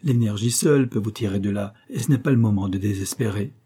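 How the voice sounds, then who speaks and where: A man playing an energetic, impatient detective who speaks in brisk, scolding exclamations. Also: lowish voice, husky.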